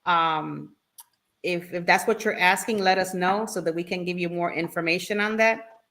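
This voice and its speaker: A woman's voice: fairly low pitch, normal speed, fairly bright tone. A woman co-hosting a casual live stream, laughing often and reading viewer questions aloud. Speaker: co-host reading the live chat.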